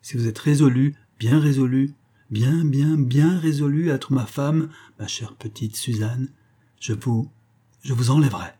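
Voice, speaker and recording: Un homme lisant à voix haute incarne un jeune séducteur calculateur qui presse et persuade avec insistance. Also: male voice, mid-range voice, unhurried, dark tone, slightly rough, pitched above the performer's own voice. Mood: persuasive. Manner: insistent and coaxing.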